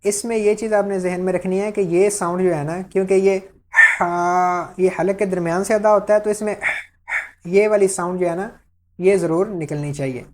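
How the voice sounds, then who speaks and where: A woman's voice: mid-range voice, fairly even intonation, darkish tone. A woman teaching Quran letter pronunciation step by step, patiently drawing out each letter for learners to repeat. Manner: checks in with "ٹھیک ہے؟".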